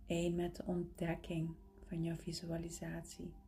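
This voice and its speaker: A woman leading a guided relaxation meditation in a soft, breathy, partly whispery voice, close and intimate as if right in your ear, soothing with gentle pauses. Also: on the low side, completely flat delivery, soft background music.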